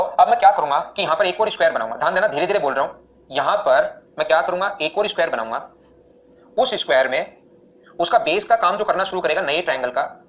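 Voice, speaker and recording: A man teaching maths in a live online class, explaining steps rapidly and repeatedly asking students questions. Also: high-pitched, lo-fi sound.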